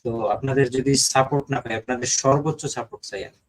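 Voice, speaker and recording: A young Bangladeshi man with a Bangladeshi Bengali accent hosts a casual live stream for a ghost-hunting channel, reading comments and repeatedly asking "ঠিক আছে?" to check in. He speaks very fast and steadily at medium pitch, and the recording is rough.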